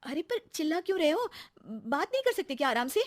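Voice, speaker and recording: A woman voicing a chatty young wife in a cartoon moral story, who talks eagerly and gets upset fast. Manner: eager, talkative, high and excited.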